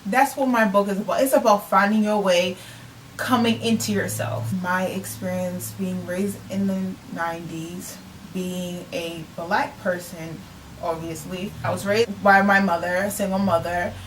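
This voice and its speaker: A woman's voice: mid-range voice, fairly even intonation, measured pace, distant mic, low-quality recording. Young woman, casual vlog talk, earnest and reflective, a bit off-mic, faint hiss behind. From United States. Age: 20s. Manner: earnest, reflective, repeats phrases for emphasis. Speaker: self-published author.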